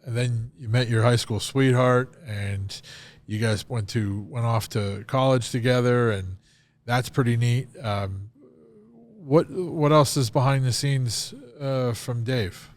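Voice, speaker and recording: A man's voice: mid-range voice, slow. A man hosting an interview, talking in an easygoing way with plenty of fillers and "like.". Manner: easygoing, filler-heavy, says "like" often. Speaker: podcast host. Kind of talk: casual interview conversation.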